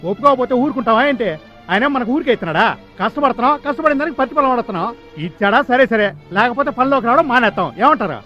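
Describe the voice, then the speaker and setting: An agitated, insistent labourer in a Telugu film drama. His high voice races along at great speed. The soundtrack is dull, with faint music. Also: rapid-fire. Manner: excitable, insistent. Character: agitated male labourer rallying fellow workers.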